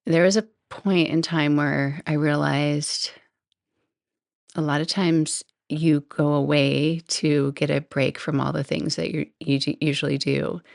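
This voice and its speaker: A woman's voice: low voice, flat delivery, a little slow, creaky, no room sound, clean studio sound. A woman hosting her own podcast, groggy and half awake, talking loosely and unprepared with laughs and restarts. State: groggy, just woken up. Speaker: podcast host. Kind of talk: casual solo podcast talk.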